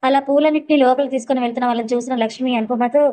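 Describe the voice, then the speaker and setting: Brisk high-voiced woman storyteller. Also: steady tone, warm tone, low-quality recording. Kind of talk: scripted story narration.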